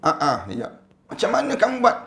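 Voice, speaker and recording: A man with a Malaysian accent preaching a sermon, animated and full of rhetorical questions. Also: very high voice, fairly quick, vocal fry. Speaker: Islamic preacher.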